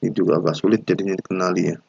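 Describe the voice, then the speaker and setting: Gravelly, husky man giving a lecture. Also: deep voice, fairly even intonation, darkish tone, dry recording, dull audio. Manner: unhurried explaining with frequent "ya" tags and hesitations. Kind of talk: recorded university lecture.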